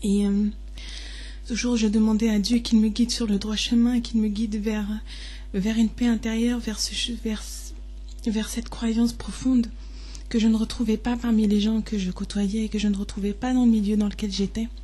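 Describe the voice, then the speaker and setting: A woman in her twenties giving a personal testimony, hesitant and deeply moved, often pausing and restarting. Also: level tone, warm tone. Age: 20s.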